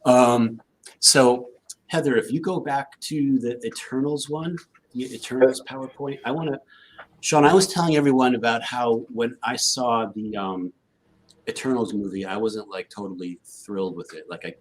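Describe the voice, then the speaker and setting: A man hosts a live stream at a middle pitch. He rambles in an easy, conversational way and peppers his sentences with "like". He cues up segments and chats with his co-hosts. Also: moderate pace, rough recording. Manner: loose and conversational, full of "like". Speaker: host. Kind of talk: casual live-stream talk.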